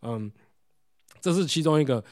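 A man's voice: fairly high pitch, expressive, normal speed. A male preacher giving a sermon, explaining pictures and often asking the congregation rhetorical questions. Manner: explains while showing photos.

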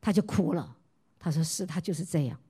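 Woman from Taiwan, middle-aged, sermon with personal testimony, questions put to the listeners, voice that often drops soft. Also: low voice, animated, fairly quick, husky. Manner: asks the listeners repeated questions; tells stories warmly and lets her voice drop soft. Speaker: pastor's wife preaching.

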